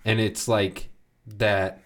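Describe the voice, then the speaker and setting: Very low-voiced wry podcast co-host. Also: male voice, flat delivery, takes it slowly. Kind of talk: casual chat.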